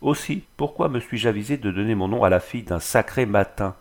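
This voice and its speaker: A man's voice: fairly low pitch, fairly quick. A man reading the part of a bitter, drunken glassmaker husband in an audiobook, sneering as he talks.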